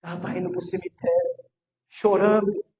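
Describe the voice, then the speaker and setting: A man preaching a sermon as pastor, swinging from loud, shouted declarations to hushed, quiet passages. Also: high voice, huge pitch swings, normal speed, echoey room, noisy background.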